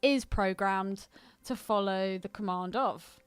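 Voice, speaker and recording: A British woman co-hosts a podcast, trading cheeky, blunt, sweary banter about films. Her mid-range voice is slow and smooth, recorded without echo, with soft music playing underneath.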